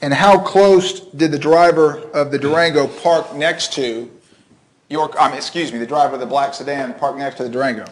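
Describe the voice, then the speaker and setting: A man's voice: fairly high pitch, steady tone, normal speed, a little hiss or hum. A man questioning a witness as a prosecutor in a formal, methodical way, in a courtroom recording.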